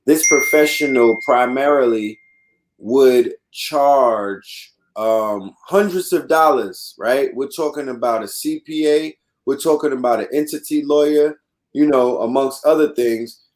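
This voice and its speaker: Medium-pitched man hosting a casual livestream. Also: a little slow. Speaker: livestream host.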